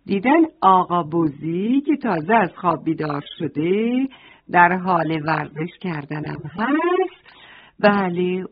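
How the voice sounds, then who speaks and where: A woman's voice: mid-range voice, husky. A woman narrating a children's bedtime story, tender and speaking straight to the little ones. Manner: tender, addressing children directly. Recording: tinny phone-like sound.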